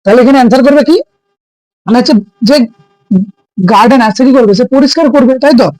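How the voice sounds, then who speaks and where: Male teacher, high voice, dry close sound, keeps checking students follow. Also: fast, a little mellow, dry recording, low-quality recording. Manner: keeps asking students "ঠিক আছে?"; explains by asking and answering his own questions. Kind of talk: exam-prep lesson.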